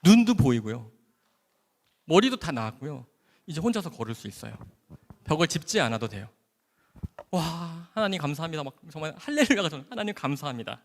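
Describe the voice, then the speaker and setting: A man, a doctor, gives a church testimony and tells his story with lively, swinging intonation in a slightly high voice. His words ring out with long reverb, as in a large hall. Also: brisk, pauses often. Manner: animated, vivid storytelling with sound words. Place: church camp gathering hall.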